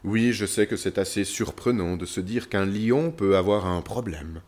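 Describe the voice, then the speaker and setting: A man narrating a guided imaginative story for children, speaking gently and reassuringly to the listener. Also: lowish voice, moderate pace.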